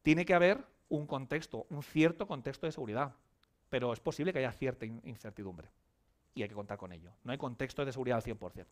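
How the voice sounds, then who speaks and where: A man's voice: mid-range voice, fast. A man giving a conference lecture as a psychologist, emphatic, asking and answering his own questions. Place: conference hall.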